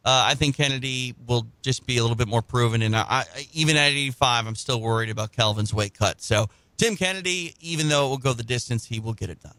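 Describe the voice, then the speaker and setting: A man's voice: medium pitch, fairly bright tone, no room sound. A man giving his fight prediction on a podcast, hesitant with many fillers. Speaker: podcast guest analyst. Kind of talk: casual sports analysis.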